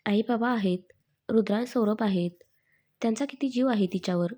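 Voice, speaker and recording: Calm young mother, as a woman reads her. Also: fairly high pitch, brisk, close to an everyday voice. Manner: quiet, content.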